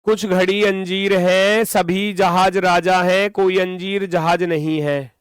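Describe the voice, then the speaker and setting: A man teaches an online reasoning class in a high, smooth, resonant voice. He goes over each step again and again and scolds his students now and then. The sound is dry and close. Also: flat delivery, slow pace, no room sound. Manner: scolding, repetitive explaining.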